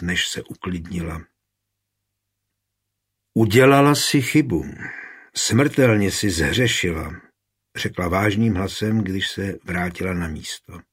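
A man with a husky voice narrating an audiobook in a calm, even storytelling manner. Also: lowish voice. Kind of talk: audiobook reading.

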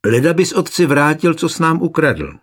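A man voicing a proud young townswoman with a cold, teasing, sharp-tongued way of talking, in a husky voice. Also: medium pitch, huge pitch swings. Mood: stern.

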